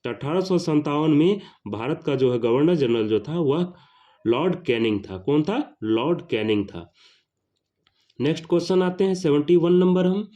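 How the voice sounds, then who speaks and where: The recording has its highs cut off. On it, a male history teacher preparing students for an exam reads each question, repeats it with the answer, and raises his pitch and volume on every question number.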